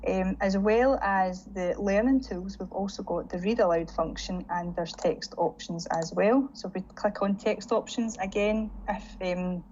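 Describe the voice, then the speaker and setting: A woman trainer talking teachers through a software tutorial while sharing her screen, chatty and full of "again" and "um". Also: mid-range voice, a little slow, few pauses. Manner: chatty, leans on "again" and "um" as she demonstrates. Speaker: digital learning trainer. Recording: dull lo-fi audio with faint hiss.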